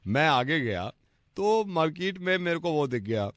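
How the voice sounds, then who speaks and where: A man's voice: a little high, very animated, normal speed, fairly bright tone, no echo. A man on a radio prank call, earnestly rambling through a nonsense story.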